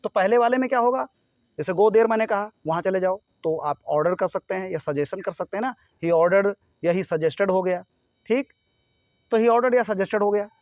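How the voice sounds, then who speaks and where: High-voiced man teaching a grammar lesson. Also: normal speed, darkish tone, no room sound. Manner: explanatory, keeps checking in with the students.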